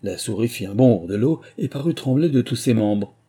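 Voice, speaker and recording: A man narrating a children's storybook in a measured, expressive way. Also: mid-range voice, slightly rough. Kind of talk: storybook reading.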